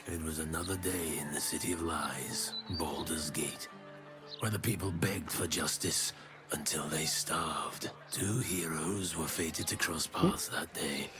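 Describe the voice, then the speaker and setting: A video game cat as a hardboiled noir detective, with a low-pitched, brooding delivery. Each line comes as a grave, dramatic monologue about justice and fate. Music plays clearly underneath. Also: male voice, a little slow.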